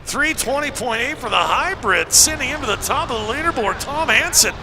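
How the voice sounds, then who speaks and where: A man working as a tractor pull announcer, calling a live sled pull with excited, drawn-out calls. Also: very high voice, vocal fry. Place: outdoor motorsport event over engine noise. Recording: noisy outdoor event, engine noise.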